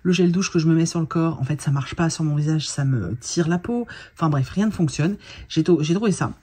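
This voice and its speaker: Woman vlogger, tired and chatty, husky low-key voice, casual product chat to camera. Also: fairly quick, dark tone. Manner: chatty, colloquial, lots of fillers and restarts.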